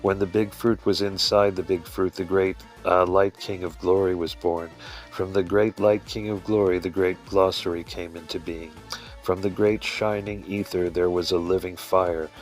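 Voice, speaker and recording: Man, deep voice, monotone, reading scripture aloud, measured, occasional stumbles. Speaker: reader of a religious text. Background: faint music.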